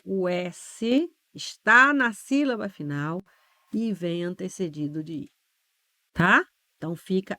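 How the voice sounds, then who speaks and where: A woman teacher with a Brazilian Portuguese accent, explaining spelling rules step by step in an online exam-prep lesson, slowing down to stress key letters and often checking that viewers follow. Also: medium pitch, fairly bright tone, no room sound.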